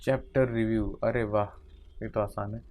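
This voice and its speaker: A man's voice: on the low side, steady tone, normal speed, a little mellow. A man teaching English vocabulary in Hindi, working through a vocabulary exercise aloud and murmuring word lists half to himself.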